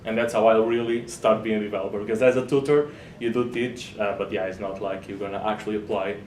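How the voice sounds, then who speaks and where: Man, developer, fast, chatty, roomy sound. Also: on the low side, fairly even intonation, darkish tone. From Portugal. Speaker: software developer. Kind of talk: casual interview answers. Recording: echoey room with faint hum.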